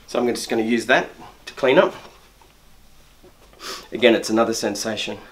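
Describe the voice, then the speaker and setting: Middle-aged barber talking through a shave. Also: male voice, on the low side, normal speed. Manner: explains while working, frequent restarts and repeated words. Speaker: barber and shop owner. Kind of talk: step-by-step grooming demonstration. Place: indoor barber shop.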